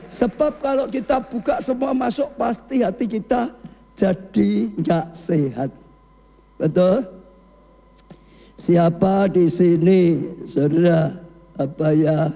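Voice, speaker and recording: A man preaching a sermon as pastor, speaking, calling on the congregation with questions, dropping low, then rising to shouts. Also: gravelly, big-room sound. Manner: calls the congregation "saudara", asks questions, swings from low to raised shouting.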